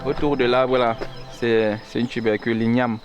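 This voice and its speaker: Un homme qui explique patiemment les cultures dans des champs, en plein air. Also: male voice, medium pitch, level tone, normal speed, music in the background. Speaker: local guide. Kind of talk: casual explaining outdoors. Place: rural fields outdoors.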